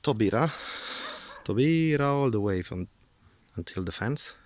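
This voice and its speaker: A man's voice: mid-range voice, expressive, measured pace, a little mellow. A man giving a casual, unscripted garden tour outdoors, hesitant and often repeating his words as he goes. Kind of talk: casual unscripted vlog narration. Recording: clear background noise outdoors.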